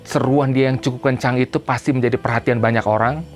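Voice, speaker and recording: A man preaching a sermon to a church congregation. He speaks emphatically, addresses them directly, and builds to loud, repeated cries. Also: medium pitch, steady tone, fast, soft background music. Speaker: pastor. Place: church service.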